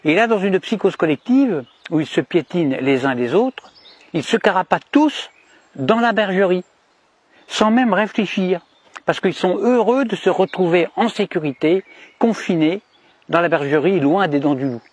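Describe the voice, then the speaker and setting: A man from DR Congo playing a smug, cunning shepherd in a mock-cheerful satirical monologue with sly, emphatic pitch swings. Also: moderate pace. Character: cunning, smug male shepherd boasting of control.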